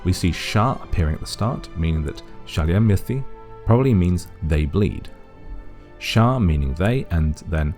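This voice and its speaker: A man's voice: sits low, darkish tone. A man narrating a methodical video essay, reasoning aloud and offering cautious guesses. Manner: methodical, speculative, thinking aloud. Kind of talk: analytical voice-over explainer.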